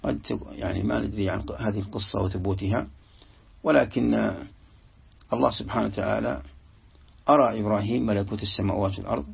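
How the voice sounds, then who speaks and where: A man with a low, rough, very husky voice comments on a Quranic tafsir in a lesson. He explains haltingly, repeating and restarting words as he goes. The recording sounds muffled and lo-fi. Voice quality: gravelly, very husky.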